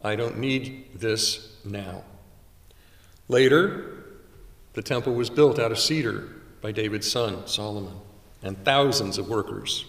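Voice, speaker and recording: A man in his sixties preaching a sermon from a pulpit in a small chapel, with measured delivery and dramatic pauses. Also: lowish voice, gravelly, fairly bright tone. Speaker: chaplain. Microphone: stand mic at pulpit, far camera. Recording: roomy chapel echo from far off.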